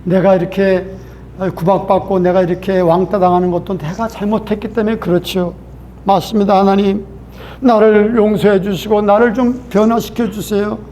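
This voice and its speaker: A despairing middle-aged man pours out a plaintive, pleading prayer, voiced by a male preacher. His voice sits fairly high and sounds worn down. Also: flat delivery, normal speed, warm tone, a little hiss or hum, close to an everyday voice. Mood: repentant.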